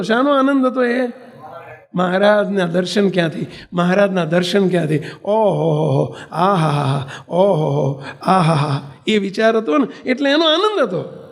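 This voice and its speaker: A man, a swami giving an animated devotional sermon, asking rhetorical questions and acting out the people in his stories. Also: extremely high pitch. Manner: animated, asks rhetorical questions and acts out characters. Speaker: swami preacher. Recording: long hall reverb.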